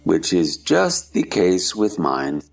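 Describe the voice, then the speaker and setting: A man playing an eccentric, argumentative Hatter in a stage play dramatization, with a slow theatrical drawl. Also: deep voice, huge pitch swings, vocal fry, breathy edge, faint music behind, exaggerated voice. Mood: knowing, argumentative. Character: eccentric, gloomy, argumentative Mad Hatter at tea.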